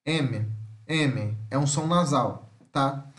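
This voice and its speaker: A man's voice: on the high side, a little slow. A man from Brazil teaching a phonetics lesson, patiently repeating speech sounds and checking in with tag questions. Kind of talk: home-schooling phonetics lesson. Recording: echoey room.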